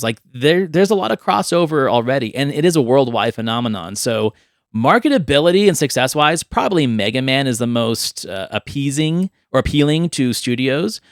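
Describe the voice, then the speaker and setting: Chatting casually about films and games, a middle-aged podcast host tells stories with real enthusiasm. His voice is medium-pitched, and the recording is dry and studio quality.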